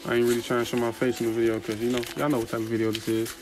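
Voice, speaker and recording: A man talks in a loose, slangy monologue, rambling and cursing freely. His pitch sits mid-range, and music plays clearly underneath. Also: rapid-fire. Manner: profane, slangy, rambling, gets animated. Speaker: motivational vlogger. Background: music playing in the background.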